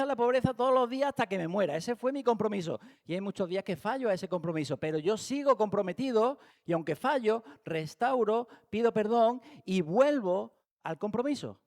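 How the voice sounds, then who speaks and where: A man with an accent from Spain leads a church Bible study in a fairly high voice. He talks animatedly, firing rhetorical questions and acting out small everyday scenes to make his point. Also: a little mellow. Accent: Spain Spanish. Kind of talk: church teaching talk. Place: church hall.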